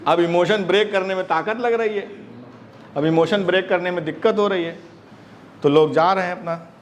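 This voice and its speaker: A man teaching an acting class in a lively lecture style, acting out bits of dialogue with laughs along the way. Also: high-pitched, normal speed, slight background noise. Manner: animated, acts out quoted dialogue with laughs. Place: classroom with students.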